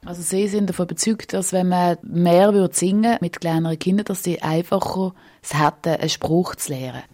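A woman with a Swiss German accent, a radio reporter reading scripted narration and asking interview questions in a measured way. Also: fairly low pitch, mellow, no room sound, clean studio sound.

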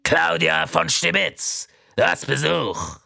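A man's voice: sing-song, slow, gravelly, pushed and bright, husky, heavily acted. A man voicing an impatient, stern female prison director, snapping and barking her lines. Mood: bellowing. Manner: snapping, barking, shrill outbursts.

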